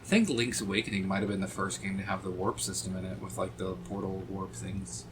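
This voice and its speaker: A man's voice: sits low, fairly even intonation, a little fast, noisy background. A man streaming a video game, chatting casually with viewers and swearing freely at enemies. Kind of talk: casual live-stream chat while playing. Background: game music.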